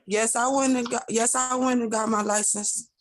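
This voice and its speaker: A woman's voice: on the high side, steady tone, moderate pace, a little hiss or hum. A woman in her thirties answering a judge over a video call, hesitant and polite. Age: 30s. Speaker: defendant.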